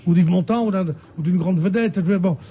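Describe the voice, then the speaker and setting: Husky, stumbling radio panelist. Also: male voice, sits high, normal speed, mellow. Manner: hesitant, stumbling and repeating words, opinionated. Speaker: regular panelist. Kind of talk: radio talk show chat. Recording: radio broadcast studio.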